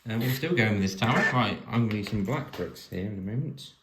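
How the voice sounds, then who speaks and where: Low voiced guy muttering n counting bricks, echoey room w a faint hiss. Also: animated, fast. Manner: chatty, counts pieces aloud, mutters to himself. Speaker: host building vintage toy sets. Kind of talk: casual chat while building.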